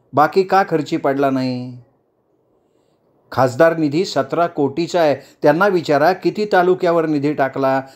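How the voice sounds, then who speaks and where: A man's voice: a little high, lightly acted. Brief: man doing a fiery, commanding woman politician from an audiobook story, rousing crowd speech, raised voice. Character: defiant woman council chair, fiery orator.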